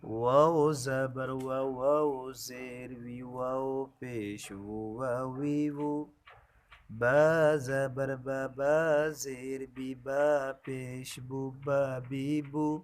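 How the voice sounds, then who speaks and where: A man chants letter drills one syllable after another in an even, rhythmic way. His voice is of plain, middle pitch, as in a classroom recitation. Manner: steady chanted repetition.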